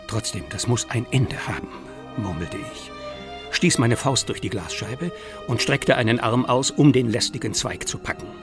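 An actor playing a genteel city gentleman in a radio play, reading his first-person account in a dramatic way. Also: mid-range voice, normal speed, music in the background, natural voice. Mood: horrified. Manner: wry, then tense and dramatic. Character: genteel male city gentleman, rattled by a ghost.

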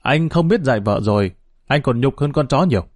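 A man's voice: medium pitch, lively intonation, brisk, darkish tone, no room sound, clean studio sound, lightly acted. A man voicing a down-and-out ex-convict who threatens his family in a growling, bitter way in a dramatized story reading. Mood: menacing.

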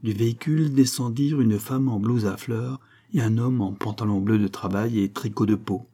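A man narrates a crime novel in a low, husky voice. His tone is dark and mellow. The reading is measured and even. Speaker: audiobook narrator.

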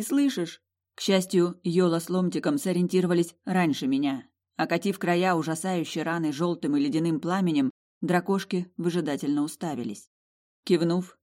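A woman narrating a first-person fantasy audiobook in an emotive, expressive way. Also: lowish voice.

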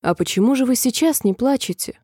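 A woman's voice: high voice, animated, a little fast, husky, no room sound, studio quality, pitched above the performer's own voice. A woman reading a storybook, voicing a polite, curious seven-year-old girl. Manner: polite, gently puzzled questions.

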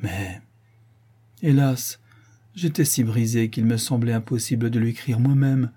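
A man voicing a grave, sorrowful young woman who speaks gently and hesitantly, in an audiobook. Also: medium pitch, a little slow, breathy edge. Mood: subdued.

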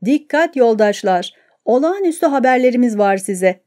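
A man's voice: extremely high pitch, lively intonation, moderate pace, darkish tone. A woman voicing a young male state announcer, proclaiming news with fervent zeal in an audiobook. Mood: jubilant.

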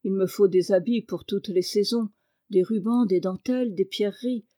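A woman's voice: medium pitch, normal speed, dark tone, lightly acted. A woman voicing a young, frightened noble girl who speaks in a worried, hesitant way. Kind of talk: read-aloud fairy tale.

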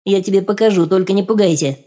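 An eerie mutant infant speaks in a thin, piping squeak, far above normal speech, and stays flat and detached as a man voices it. The tone is mellow and soft-edged. Its short lines sound cold and distant. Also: fast talker, close to an everyday voice. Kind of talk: audiobook character voice.

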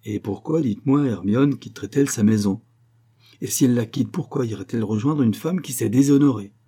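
A man's voice: medium pitch, a little fast, mellow, slightly rough, pitched above the performer's own voice, natural voice. A man reading the part of a hostile, imperious baronet, cold and cutting in his questions. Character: haughty, hostile baronet, middle-aged man.

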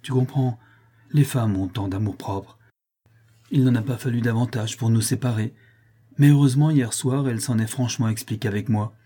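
A man's voice: mid-range voice, moderate pace, breathy edge, lightly acted. A man reading as an overjoyed marquis. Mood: elated. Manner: effusive, warmly familiar with his servant. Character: overjoyed aristocratic male marquis, emotional.

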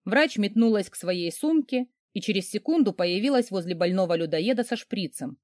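A woman's voice: medium pitch, lively intonation, darkish tone, dry recording, studio quality. A woman reading a comic first-person romance with a wry, theatrical delivery. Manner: wry, theatrical, quick mood swings in quoted lines. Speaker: audiobook reader.

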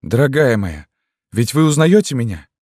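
A desperate young man in love , as a male reader plays him, pleading urgently and raised well above the reader's deep voice. The recording is dry and close. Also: expressive, moderate pace, no echo.

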